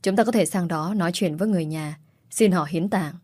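Woman doing an anxious husband, urgent and coaxing, low voice. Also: fairly quick, a little mellow, dry recording, studio quality, natural voice. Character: anxious husband, urging calm.

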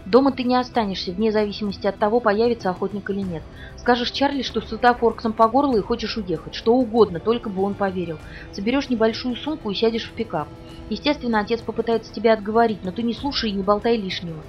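A woman's voice: fairly high pitch, fast talker, natural voice. A woman reading an audiobook, voicing a tense young man who protects and commands with clipped, insistent orders. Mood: urgent. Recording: dull distant audio with music behind.

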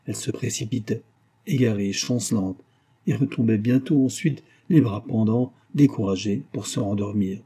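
A man narrating a classic novel aloud in a measured, steady reading. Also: lowish voice, slightly rough. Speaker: audiobook narrator. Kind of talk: scripted narration.

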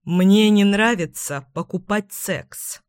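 A curt, offhand grown man, read by a woman narrator says little and keeps it short. The delivery is unhurried, close and dry. It sounds like an audiobook character voice. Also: mid-range voice, darkish tone, smooth, dry recording, natural voice. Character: gruff casual adult man.

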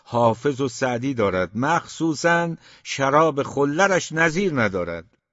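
A man's voice: mid-range voice, very animated, dry recording, lo-fi sound. A man voicing a genial older uncle who speaks encouragingly and without hurry in an audiobook. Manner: warm, encouraging, unhurried. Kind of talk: audiobook character reading.

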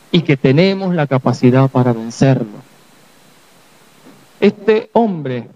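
A man's voice: a little high, mellow. Man, pastor, Rioplatense Spanish accent, sermon, acts out quoted voices, dull lo-fi sound.

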